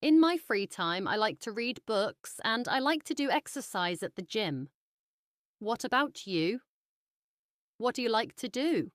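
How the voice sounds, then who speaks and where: A woman with a British accent playing a friendly young office worker in a slow, carefully spoken practice dialogue. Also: fairly high pitch, sing-song, no room sound, studio quality.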